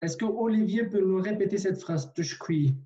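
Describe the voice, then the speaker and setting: A man's voice: high-pitched, normal speed, dark tone, muffled recording. A man teaching a language online in a patient way, repeating himself with many fillers and restarts, over a video call.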